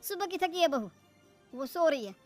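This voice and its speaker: A woman's voice: extremely high pitch, lively intonation, normal speed, a little mellow, soft background music. A woman voicing an easygoing young adult son in a cartoon, with a casual, dismissive manner. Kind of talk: cartoon voice acting.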